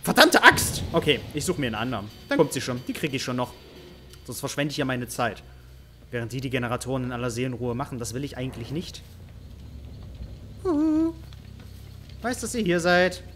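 A man's voice: medium pitch, quick pace, soft background music. A man giving playful, teasing let's-play commentary over a horror game, mock-taunting the characters he hunts. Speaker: gaming YouTuber.

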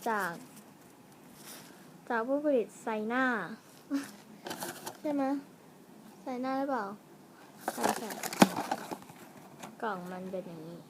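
A woman's voice: fairly high pitch, expressive, slow pace, long pauses, heavy background noise. A woman chatting casually to viewers as she unboxes and reviews toys at home, musing aloud and trailing off. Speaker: vlogger reviewing toys and snacks. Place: room at home.

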